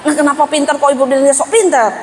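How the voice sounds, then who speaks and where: A woman giving a lively parenting seminar, quizzing the audience and acting out parents and children. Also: high-pitched, rapid-fire, a crowd in the background, noisy background. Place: school hall seminar. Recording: reverberant hall with faint ambience.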